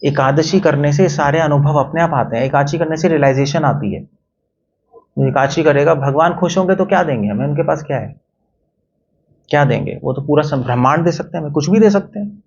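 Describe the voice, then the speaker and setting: A man's voice: on the high side, fairly quick, a little mellow, slight background noise. A man giving a conversational devotional talk, mixing in English phrases and putting questions to his listeners. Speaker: temple speaker. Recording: dull lo-fi recording.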